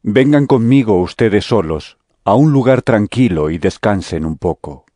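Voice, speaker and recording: An actor playing a calm, authoritative holy teacher in a Bible drama, with a husky voice and gentle command. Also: male voice, fairly low pitch, a little slow, dry recording. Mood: calm authority.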